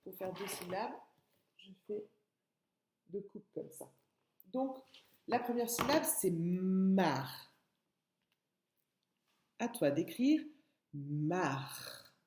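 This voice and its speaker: Slow, patient woman teaching young children. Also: medium pitch, lively intonation, mellow, roomy sound. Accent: French. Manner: slow, patient, spelling out sounds and syllables. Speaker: kindergarten teacher. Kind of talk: remote writing lesson for young children.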